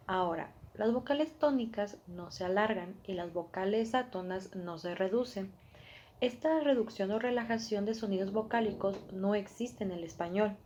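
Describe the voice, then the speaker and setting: A woman's voice: mid-range voice, a little mellow, dull audio, slight background noise. A woman reading a scripted lesson from her notes and correcting her own slips. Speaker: student presenter.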